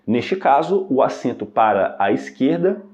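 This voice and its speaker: A man's voice: mid-range voice, big pitch swings, measured pace, a little mellow. A man teaching an online language lesson, patiently repeating phrases and checking in with "ok?" after each point. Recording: dull lo-fi recording.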